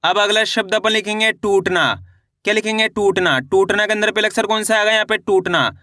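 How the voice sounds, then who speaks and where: A man's voice: high voice, brisk, bright, forceful tone, no room sound, clean studio sound. A man teaching children to read and write words, spelling each one out syllable by syllable and answering his own questions. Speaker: Hindi literacy teacher.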